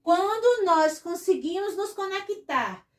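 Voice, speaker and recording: A high-pitched woman teaches a lesson at a whiteboard. She speaks patiently, repeating each word slowly and often adding a short blessing. Her voice comes from some distance away in an echoey room. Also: animated. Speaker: Hebrew teacher.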